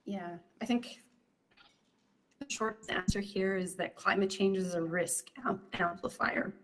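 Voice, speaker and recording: A woman on city staff answering a councillor's question at a council meeting, explaining in a measured way with many fillers. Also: mid-range voice, fairly even intonation, fairly bright tone. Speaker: city climate staff presenter.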